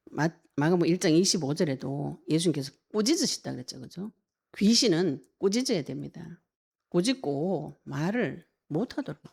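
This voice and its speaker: A woman pastor delivers a sermon in a low, gravelly voice. She preaches emphatically and keeps posing rhetorical questions to her listeners. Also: mellow.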